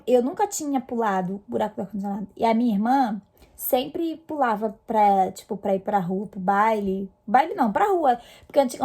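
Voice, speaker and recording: This Brazilian vlogger, a young woman, has a fairly high pitch with a darkish tone. She shares a personal story with her audience in a chatty way, stumbling through many fillers and restarts.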